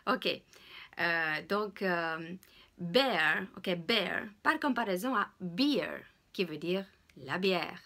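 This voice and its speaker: A woman, teaching English pronunciation in a casual, hesitant way and repeating words slowly. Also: lowish voice, expressive, bright, forceful tone. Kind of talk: casual spoken lesson.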